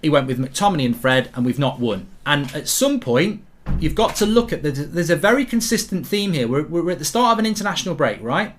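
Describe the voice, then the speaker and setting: A man's voice: fairly high pitch, sing-song, a little fast, a little hiss or hum. A man hosting a fan channel, giving an emphatic, repetitive post-match breakdown. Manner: emphatic, repetitive, frustrated reasoning. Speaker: football fan channel host. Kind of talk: casual post-match rant to camera.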